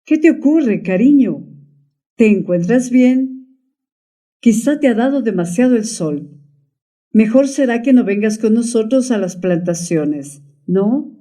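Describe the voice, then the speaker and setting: A woman voicing a husband who gently asks about his wife's health with concern. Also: a little high, animated, unhurried. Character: worried husband, tender, concerned man.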